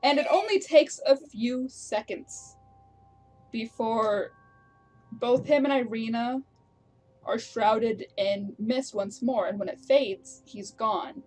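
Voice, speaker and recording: A woman narrating a tabletop game as game master, in a casual, relaxed way. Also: fairly high pitch, slow, soft background music.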